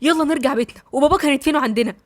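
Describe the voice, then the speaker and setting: A woman's voice: high-pitched, racing, no room sound, lightly acted. Woman doing a scornful angry Egyptian mother. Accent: Egyptian Arabic. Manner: scolding, contemptuous.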